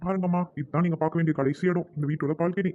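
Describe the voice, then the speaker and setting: Cartoon: man voicing a fed-up caretaker, rapid exasperated grumbling, tinny phone-like sound. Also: on the high side, steady tone, lightly acted. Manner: exasperated, sighing complaints. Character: weary grumbling male flat caretaker.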